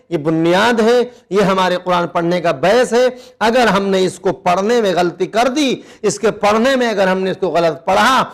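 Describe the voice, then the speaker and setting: Guy with a high voice teaching kids quran reading, says each word over and over, slow and patient. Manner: patient, repeats each word slowly for children. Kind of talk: children's recitation lesson.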